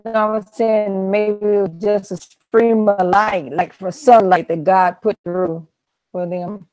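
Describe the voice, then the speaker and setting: A woman's voice: mid-range voice, fairly even intonation, measured pace, darkish tone, poor audio. Woman on a glitchy, breaking-up video call. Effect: glitchy, breaking-up video call audio. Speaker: Bible study participant. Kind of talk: casual group discussion.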